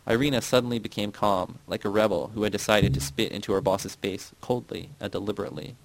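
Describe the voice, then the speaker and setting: Low gravelly male audiobook narrator. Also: quick pace, rough recording. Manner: steady first-person reading. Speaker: audiobook reader. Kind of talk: scripted narration.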